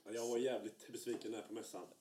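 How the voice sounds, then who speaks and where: A man's voice: fairly low pitch, level tone, dark tone, reverberant, a little hiss or hum. A young man co-hosting a casual podcast, talking bluntly and swearing casually. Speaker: podcast co-host. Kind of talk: casual chat.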